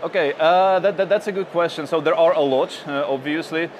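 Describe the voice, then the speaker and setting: The fairly high, steady voice belongs to a Ukrainian tech journalist in his thirties, answering conference interview questions a little fast. Hesitation shows in his many fillers and restarts, and a slight hiss or hum runs under the recording.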